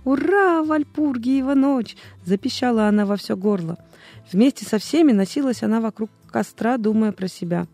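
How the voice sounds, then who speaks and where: Female audiobook reader, expressive storybook narration, mellow voice, light music bed. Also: mid-range voice, a little fast, no room sound.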